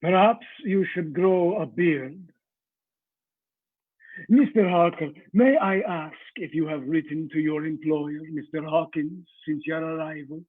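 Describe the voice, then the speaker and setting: Slow, high-voiced Count Dracula. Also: male voice, breathy edge, no room sound, phone-quality sound. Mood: commanding. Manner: formal, deliberate, ominous. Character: courtly, menacing ancient vampire count in his castle. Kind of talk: radio play acting.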